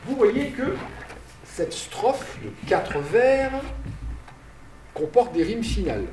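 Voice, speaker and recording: A man lectures in a hall, slow and deliberate, his voice mellow and lively in pitch. He explains patiently and answers his own questions. He sounds a little far from the mic in a roomy, echoing space. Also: slight background noise. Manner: directs slide changes aloud. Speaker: university lecturer. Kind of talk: public lecture.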